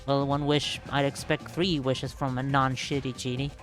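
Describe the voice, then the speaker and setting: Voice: medium pitch, flat delivery, moderate pace, soft background music, pitched below the performer's own voice, natural voice. A performer voicing a brash, scheming bully in a comedic game, cocky and mocking, mangling words. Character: brash, scheming bully who wants a wish.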